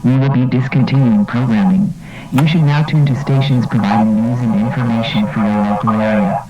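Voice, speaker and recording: A man announcing an official emergency alert in a steady, measured tone, his voice muffled as if heard through a door. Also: medium pitch. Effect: muffled and distant, as if heard through a door. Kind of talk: formal scripted alert announcement.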